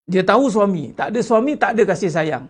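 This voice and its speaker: A religious teacher with a Malaysian Malay accent giving an animated lecture, full of rhetorical questions and acted-out prayers. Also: mid-range voice, fast talker, slightly rough.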